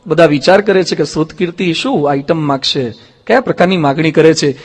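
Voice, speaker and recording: Monk guy giving a sermon, high voice, acts out the story characters, long echo in the hall. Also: brisk. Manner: lively storyteller who acts out quoted speech. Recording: reverberant hall.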